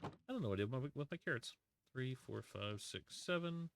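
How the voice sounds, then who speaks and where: While playing a block-building game on a live stream, a man chats casually with his viewers, warmly greeting them and joking at his own expense. His mid-range voice is gravelly, expressive, and fairly quick.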